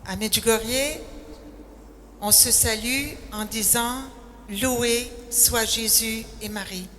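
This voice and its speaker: Older québécoise lady telling her story real slow, lots of 'alors', sounds like a big echoey hall. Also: on the high side, fairly even intonation, sharp tone. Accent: Québécois French. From Quebec City, Canada. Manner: slow, unhurried storytelling, sentences often starting with 'alors'. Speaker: speaker giving a faith testimony. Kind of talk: personal testimony talk. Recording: echoey hall with faint noise.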